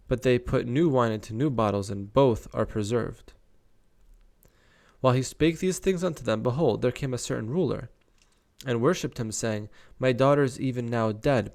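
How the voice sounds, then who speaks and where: A man's voice: mid-range voice, gravelly. A young man reading Bible verses aloud and breaking off to comment casually on them. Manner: reads scripture aloud, stops to comment casually.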